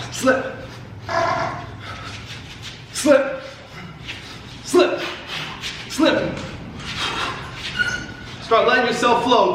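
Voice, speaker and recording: A man working as a fitness coach, calling boxing combos in short cues with encouragement during a workout. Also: sits high. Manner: short barked cues and encouragement while exercising. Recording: echoey room, distant mic, background noise.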